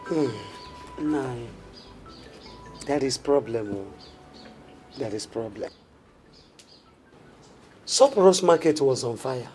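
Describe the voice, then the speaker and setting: A woman's voice: very deep voice, lively intonation, extremely slow, pauses often, dark tone, faint music behind, exaggerated voice. An actress with a Nigerian accent playing a consoling yet reproachful middle-aged mother in a film drama.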